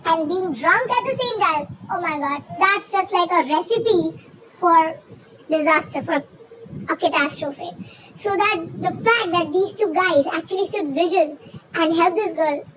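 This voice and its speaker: Pitch-shifted into a chipmunk-like squeak, the host, a woman, reads online posts and offers rambling, informal commentary at a slightly slow pace. Her tone is a bit bright, and the low-quality recording carries a faint hiss or hum.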